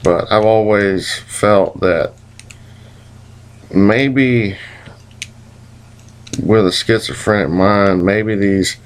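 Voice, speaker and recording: A man's voice: fairly low pitch, drawn-out words, long pauses, smooth. A man casually rambling through a recounted dream in a hazy, puzzled way, groping for words, with folksy, mildly profane phrasing. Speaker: vlogger.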